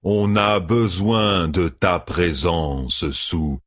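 A man doing a gruff armored officer. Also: low-pitched, drawn-out words, full character voice.

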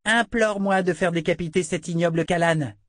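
A man voicing a spoiled, cruel little girl princess who taunts and gloats in a raised, girlish pitch, read in a dry, close recording. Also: fairly quick, a bit bright, no echo. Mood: gloating.

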